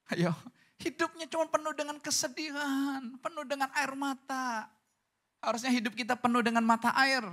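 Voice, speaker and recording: A man's voice: very high voice, steady tone, normal speed, sharp tone. A man preaching a sermon as pastor, casual and joking, often throwing rhetorical questions at the congregation.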